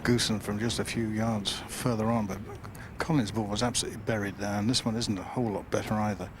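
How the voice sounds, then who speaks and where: A man's voice: on the low side, fairly even intonation, quick pace. A man reporting live from the golf course as a commentator, in a considered, matter-of-fact way. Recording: noisy outdoor broadcast.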